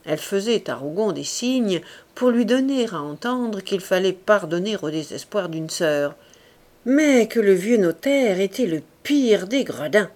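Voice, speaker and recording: A woman narrating a classic novel as an audiobook reader, in a steady, expressive storytelling manner. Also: mid-range voice, a little slow. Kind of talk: scripted literary narration.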